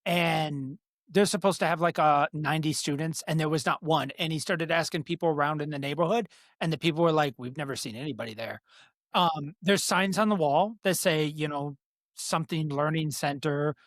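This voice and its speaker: Steady in tone and moderate in pace, this medium-pitched podcaster chats casually about politics, swearing freely and speaking bluntly. He can't say R sounds and substitutes W for them. The audio has studio quality with no echo.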